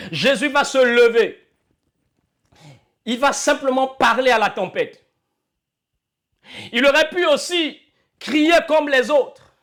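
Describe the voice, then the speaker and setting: A man preaching in a church with a very high voice. He repeats his lines for emphasis and cries out in fervent bursts, shouting as the sermon builds. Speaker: apostle preaching.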